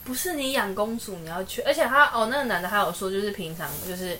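A woman's voice: medium pitch, quick pace. Woman retelling a story animatedly. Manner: animated retelling with acted quotes. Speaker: podcast co-host. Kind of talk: casual chat.

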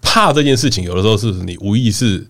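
Male host, animated storyteller with a bouncy pitch, casual podcast chat. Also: fast talker.

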